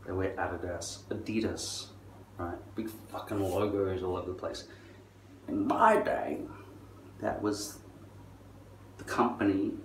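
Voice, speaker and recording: A middle-aged man delivering a rambling, sardonic and profane monologue, drawing out words and then leaning hard on others. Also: low-pitched. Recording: distant mic, roomy echo, faint noise.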